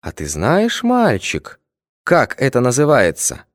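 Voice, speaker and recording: A man's voice: on the high side, big pitch swings, moderate pace, a little mellow, dry recording, studio quality, pitched above the performer's own voice. A man voicing a pompous male district official who lectures with mocking sympathy. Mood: solemn.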